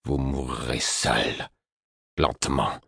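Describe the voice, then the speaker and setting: A man's voice: extremely low pitch, little pitch movement, drawn-out words, gravelly, a bit bright, slightly rough, no room sound, studio quality, pitched below the performer's own voice, heavily acted. A man reading an audiobook and voicing the hero, a cold, resolute young man who speaks coldly and cuttingly.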